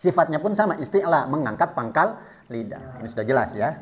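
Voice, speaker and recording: In a tajwid lesson, a man patiently explains Quran recitation rules step by step and models sounds for students to repeat. His voice is a little high with big pitch swings and a fairly quick pace, and the recording has a dull lo-fi sound.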